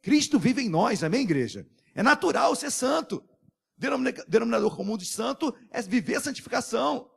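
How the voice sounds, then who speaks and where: A Brazilian Portuguese-speaking man preaching a sermon, swinging between loud calls to the church and soft, low asides, and calling for amens. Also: big pitch swings, brisk, gravelly, husky. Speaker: pastor.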